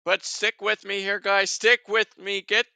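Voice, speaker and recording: A man's voice: sits high, flat delivery, measured pace, pushed and bright, clear, resonant tone, dry recording. A man hosting a live soccer watchalong stream, chatting to his viewers in a rambling, casual way.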